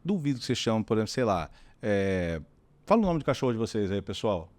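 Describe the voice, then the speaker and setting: Brief: middle-aged Brazilian man, low voice, very lively inflection, demonstrative explainer. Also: quick pace. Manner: demonstrative, often acts out voices. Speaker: communication strategist guest. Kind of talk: animated explanatory talk.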